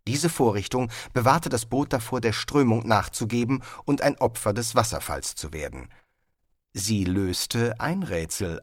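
A man reading a fantasy audiobook as narrator, with expressive storytelling. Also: medium pitch, no echo, clean studio sound.

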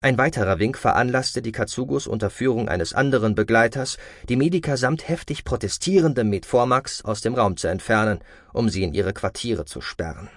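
A man reading a science fiction audiobook as narrator, expressive and voicing every character. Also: medium pitch, a little fast, few pauses, dry recording, clean studio sound. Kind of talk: scripted narration.

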